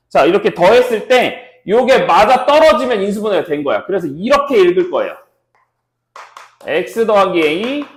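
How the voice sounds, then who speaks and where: A man's voice: high-pitched, roomy sound. A man teaching a math class, walking students through factoring step by step and checking in with them often. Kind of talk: classroom lecture.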